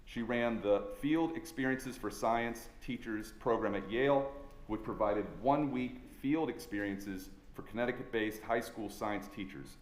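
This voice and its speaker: A man's voice: mid-range voice, slight background noise. Courteous male chaplain host in an echoey room. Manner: measured, courteous, reads a prepared introduction. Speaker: assistant chaplain and interview host. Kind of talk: formal introduction then interview questions. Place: chapel center event space. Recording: echoey room with faint ambience.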